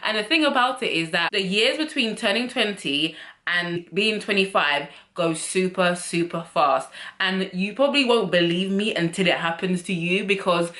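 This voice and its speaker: Candid woman, mid-twenties, confiding vlog chat; low-set, bright voice, roomy echo. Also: moderate pace. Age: 20s. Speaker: vlogger. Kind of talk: casual chat to camera.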